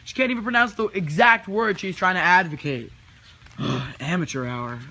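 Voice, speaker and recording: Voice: mid-range voice, normal speed, vocal fry, bright, forceful tone, slight background noise. A young speaker giving sarcastic commentary on a school skit.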